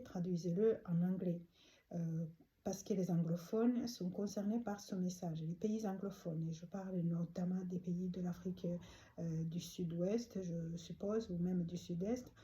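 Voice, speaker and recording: A woman from Rwanda delivers a prayer and prophetic address in a very dark, mellow voice. She talks haltingly, with many pauses and fillers, yet stays earnest and pleading throughout. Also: lowish voice. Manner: halting, with frequent hesitations and fillers. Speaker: speaker delivering a prophetic message.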